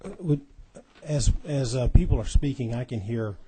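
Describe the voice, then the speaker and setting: Mellow-voiced committee member. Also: male voice, medium pitch, husky. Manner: polite request, halting start.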